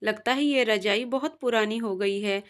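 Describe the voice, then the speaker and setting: A woman's voice: mid-range voice, normal speed, close to an everyday voice. A woman reading as an ailing old mother. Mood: gentle. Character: ailing elderly mother, gentle and patient.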